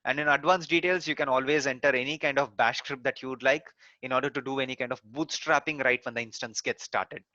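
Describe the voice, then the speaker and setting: Bright-voiced man teaching a tech tutorial. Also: mid-range voice, steady tone, fast talker, no echo, muffled recording. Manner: explains step by step with frequent "so" and "uh" fillers. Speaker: course instructor. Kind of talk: screen-recorded technical tutorial.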